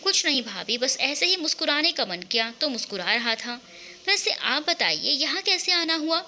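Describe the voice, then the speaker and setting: A woman voicing a newly married young man who speaks gently and reassuringly. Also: high voice, sing-song, normal speed, slight background noise, exaggerated voice. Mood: gentle.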